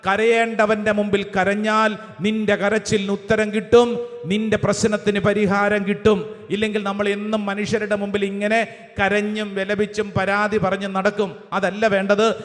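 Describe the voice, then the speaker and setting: A priest with a high-set voice delivers a sermon, calling out verses one phrase at a time for the listeners to repeat. His words ring out with a long reverb, as if spoken in a large church hall. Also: completely flat delivery, normal speed, a bit bright. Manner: cites verses with English chapter numbers. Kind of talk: sermon with call-and-response.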